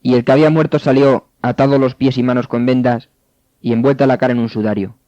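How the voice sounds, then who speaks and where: A man narrating scripture in a steady, measured way. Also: mid-range voice, dry recording. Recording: dull, dry studio sound.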